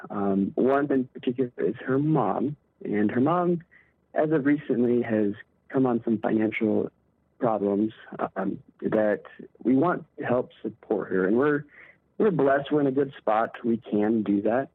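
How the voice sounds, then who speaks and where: A man's voice: medium pitch, husky, no room sound. A male caller asking a radio show for advice in a hesitant way, with many ums, over a phone line that keeps cutting out. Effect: phone line breaking up and cutting out. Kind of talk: call-in radio question.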